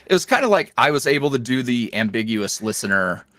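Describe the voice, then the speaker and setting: An ASMR roleplay creator appears as an interview guest, chatting casually in an animated, self-deprecating way with lots of fillers. He talks a little fast in a mid-range voice, and the studio sound is clean and echo-free.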